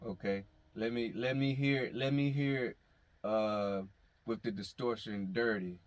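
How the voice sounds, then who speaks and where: A man's voice: mid-range voice, fairly even intonation, unhurried. A man talking casually during a recording session, directing the sound in short, repeated phrases. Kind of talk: casual studio talk. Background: loud music playing.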